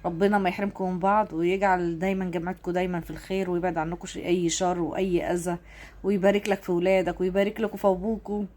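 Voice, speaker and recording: Woman, Egyptian accent, quick and emotional vlog chat, keeps repeating herself, near tears. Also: lowish voice, level tone, darkish tone. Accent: Egyptian Arabic. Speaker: online commentator. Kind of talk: emotional casual vlog commentary.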